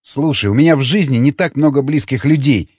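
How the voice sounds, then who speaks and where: Guy doing a brash young survivor dude, higher and defiant, lo-fi audio. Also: fairly quick, darkish tone, husky, no room sound, lightly acted. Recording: dull lo-fi dry recording.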